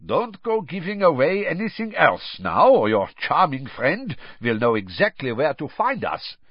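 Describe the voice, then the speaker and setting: A man voicing a cold, sly older male headmaster who talks in a smooth, mocking way. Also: fairly high pitch, wildly swooping pitch, a little slow, no echo, highs cut off, pitched above the performer's own voice, heavily acted. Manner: smooth, mocking, forced laugh.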